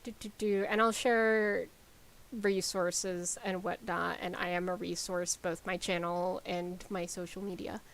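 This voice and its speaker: A woman game developer talking casually on a live stream, rambling with lots of ums and likes as she explains software. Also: on the low side, little pitch movement, unhurried, low-quality recording.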